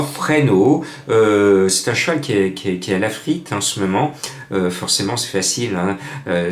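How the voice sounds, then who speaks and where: Chatty lower-voiced man giving racing tips. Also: reverberant. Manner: lively, chatty, addresses listeners directly. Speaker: horse racing tipster. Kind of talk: betting tips monologue.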